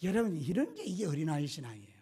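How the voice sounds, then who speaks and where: A man's voice: fairly high pitch, wildly swooping pitch, very fast, mellow, slightly rough. A man pastor preaching a sermon, emphatic and full of rhetorical questions.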